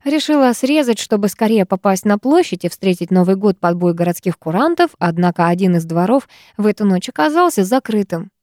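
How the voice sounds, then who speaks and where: A woman narrating a first-person audiobook in a lively, expressive manner. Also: mid-range voice, brisk, few pauses, no room sound, clean studio sound. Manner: lively, expressive reading with sharp dialogue.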